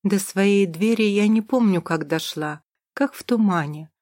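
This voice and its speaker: A woman's voice: mid-range voice, measured pace, a little mellow, dry recording, studio quality. A woman narrating a first-person novel in a dramatic, vivid storytelling manner. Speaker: audiobook narrator.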